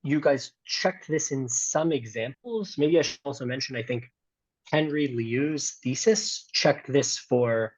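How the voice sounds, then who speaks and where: A man's voice: medium pitch, unhurried, poor audio. A man with an American accent giving an academic math seminar talk, hesitant, with many fillers and restarts. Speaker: seminar speaker.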